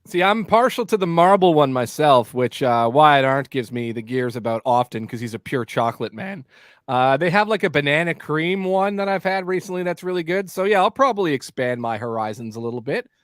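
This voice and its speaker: A man's voice: a little high, brisk, dry recording, clean studio sound. A man guesting on a sports podcast, bantering playfully and joking about snacks. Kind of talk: casual podcast chat.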